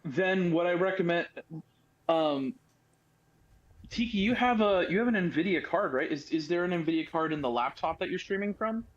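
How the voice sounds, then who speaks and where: A fairly high-pitched man explaining tech setups over a voice call, thorough and chatty. The sound is dull and lo-fi, like a compressed call. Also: expressive, moderate pace. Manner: explains tech tips in detail. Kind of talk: casual chat.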